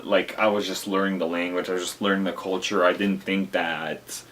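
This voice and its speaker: A man's voice: low-pitched, level tone, normal speed, a bit bright, a little hiss or hum. A young man from Lithuania sharing a personal spoken reflection, hesitant and full of fillers and restarts. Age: young adult. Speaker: college student.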